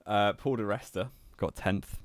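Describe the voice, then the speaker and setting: Deep-voiced young man, dry sound. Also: measured pace, dry recording. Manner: relaxed, teasing, laughs often. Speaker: podcast co-host. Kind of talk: casual chat.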